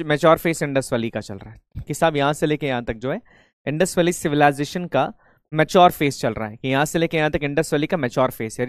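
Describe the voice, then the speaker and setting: A man with a highish voice teaches students live over the internet, his audio clean and studio-made with no room sound. Slightly under the weather, he chants patriotic greetings, slips English into his Hindi, and checks over and over that he can be heard.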